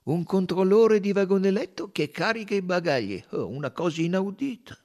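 A man's voice: high voice, expressive, moderate pace, a little mellow, voice pushed up. A man voicing a fussy, polite middle-aged male detective who talks with courteous emphasis. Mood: genial.

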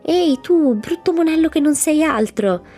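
A woman reading aloud and voicing a prim, determined little girl in a storybook, calling out in a high, sharp voice. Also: little pitch movement, normal speed, soft background music, close to an everyday voice. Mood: scolding.

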